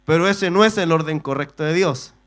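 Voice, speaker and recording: A man's voice: a little high, brisk, a bit bright. A male pastor preaching a sermon, often saying amen, asking rhetorical questions and adding homely humorous asides. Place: church service.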